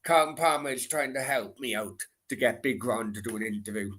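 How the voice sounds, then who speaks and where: A man's voice: mid-range voice, a little fast, a bit bright. A middle-aged man with a Welsh Valleys accent, chatting casually as a livestream host in a sweary, rambling, repetitive way. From Merthyr, south Wales. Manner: sweary, rambling, repeats himself. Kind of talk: casual late-night football Q and A chat.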